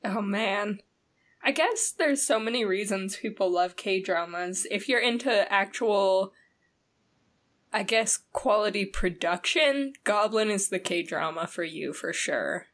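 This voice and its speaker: A woman co-hosting a podcast in casual chat, rambling and animated with lots of fillers. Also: medium pitch, slow. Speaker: podcast co-host.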